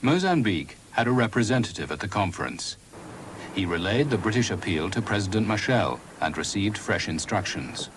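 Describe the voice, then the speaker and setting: A man's voice: on the low side, very animated, normal speed. Grave man narrating a documentary. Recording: noisy 1980s broadcast audio.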